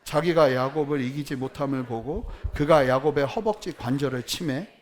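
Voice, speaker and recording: A male pastor preaching a sermon with emphatic swings between quiet murmurs and loud outbursts, leading the congregation in reading scripture aloud. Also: medium pitch, moderate pace. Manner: leads the congregation in unison Bible reading.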